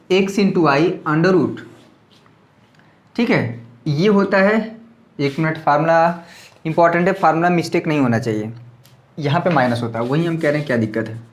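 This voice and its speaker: Standing at a board, a man whose voice sits on the high side gives a maths lesson despite a mildly sore throat. The echoey room carries his casual, chatty talk as he keeps asking students "clear?" to confirm they're following.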